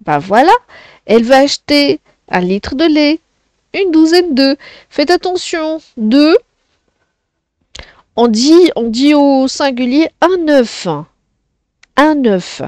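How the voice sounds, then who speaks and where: A woman's voice: high-pitched, animated, measured pace, darkish tone, dry recording, studio quality. A woman teaching a French lesson to children, explaining patiently and often checking "d'accord?".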